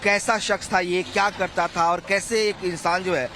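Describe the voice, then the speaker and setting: A man's voice: high voice, steady tone, moderate pace. A man reporting outdoors from a demolition site, asking residents probing questions. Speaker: field reporter. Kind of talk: street interview. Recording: loud outdoor traffic noise.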